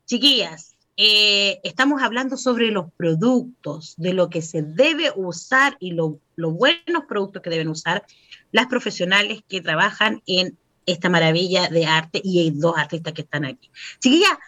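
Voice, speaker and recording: A Chilean woman hosting a casual chat, asking guests questions in a lively way. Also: on the low side, normal speed. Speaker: host.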